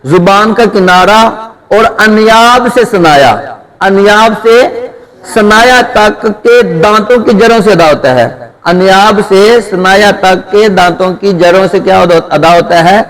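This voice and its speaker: A man's voice: sits high, a bit bright. A man teaching Quran letter pronunciation, asking his students questions and answering them himself, drawing out each letter sound. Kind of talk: Urdu tajweed lesson, call-and-response drilling. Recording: long hall reverb.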